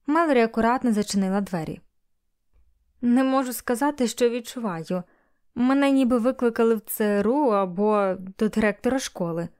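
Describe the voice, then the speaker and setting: A woman's voice: fairly high pitch, darkish tone. A woman narrating a romance novel as an audiobook, reading every character's lines herself.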